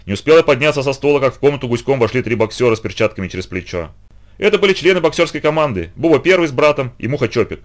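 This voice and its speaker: A man reading a children's story aloud at a brisk clip. His voice swings up and down with plenty of life. He sits mid-range in pitch. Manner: animated, quick storytelling. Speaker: narrator.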